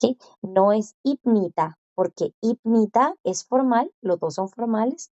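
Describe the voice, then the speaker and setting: Woman teaching, slow patient drills. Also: fairly high pitch, animated, mellow, no room sound, dull audio. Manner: slow, careful pronunciation drills with repetition. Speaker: Korean language teacher. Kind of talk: classroom explanation.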